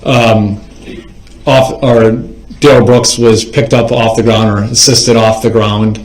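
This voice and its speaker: An echoey courtroom carries the fairly low voice of a man on the witness stand. He is a police officer giving testimony in formal, procedural phrasing, measured and factual. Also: level tone. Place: indoors in a courtroom.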